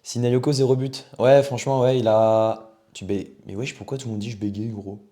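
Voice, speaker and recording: A young man with a French accent co-hosting a live football chat stream, talking in a relaxed, chatty way with lots of fillers. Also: mid-range voice, normal speed. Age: young adult. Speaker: co-host.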